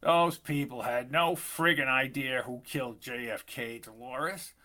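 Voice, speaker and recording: A cocky tourist with a gruff voice pushes his conspiracy theory on a stranger. A man acts him out, reading for an audiobook at a middling pitch. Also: unhurried, sharp tone.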